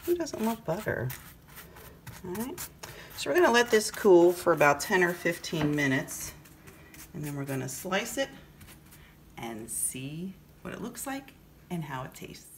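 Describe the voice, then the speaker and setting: A woman's voice: on the low side, sing-song, measured pace, long pauses. A middle-aged woman hosting a casual cooking demonstration, chatty and enthusiastic as she tastes the food. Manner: chatty, enthusiastic about food, tasting on camera. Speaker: channel host. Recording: echoey room with faint noise.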